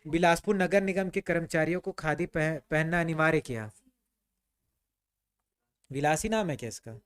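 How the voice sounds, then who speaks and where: High, smooth-voiced man teaching history. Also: normal speed. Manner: quizzing students, answering his own questions; conversational, repeats "ठीक है" often. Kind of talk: classroom history lesson.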